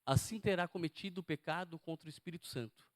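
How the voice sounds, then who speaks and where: A man's voice: on the high side, quick pace, dry recording, studio quality. A man preaching a sermon to a congregation, emphatic and often asking them questions.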